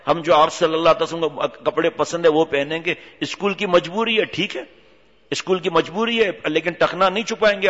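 A male preacher giving an animated sermon full of rhetorical questions and scolding, in a reverberant hall on a dull lo-fi recording. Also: sits high.

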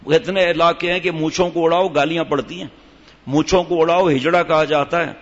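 A man giving a sermon in a scolding, emphatic way, reciting Arabic verses slowly. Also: on the high side, fairly even intonation, in a large hall, highs cut off. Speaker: preacher.

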